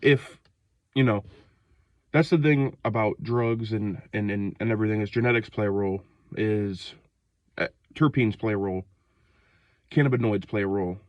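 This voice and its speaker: A man's voice: lowish voice, moderate pace, pauses often, darkish tone, no echo, dull audio. A man in his twenties, sick and short of breath, rambling loosely in a slangy casual rant, outdoors in the cold. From Ohio, United States. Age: 20s. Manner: rambling, loose, slangy, many fillers and restarts. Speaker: vlogger.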